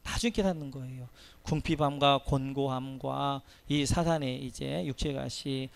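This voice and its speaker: A middle-aged male pastor preaching a sermon in a church, swinging from soft explanation to loud, impassioned exhortation. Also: medium pitch, moderate pace, vocal fry. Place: church sanctuary.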